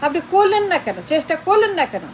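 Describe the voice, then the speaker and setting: A woman's voice: very high voice, sing-song, fast, slight background noise, rough recording. A woman delivering an impassioned political monologue, firing repeated rhetorical questions and switching between Bengali and English. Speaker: political commentator.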